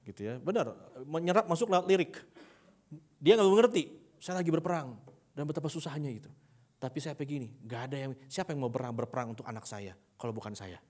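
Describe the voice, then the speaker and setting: A man's voice: fairly high pitch, expressive, fast talker, darkish tone. A man preaching a casual, humorous sermon to a congregation, often asking them questions. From Indonesia.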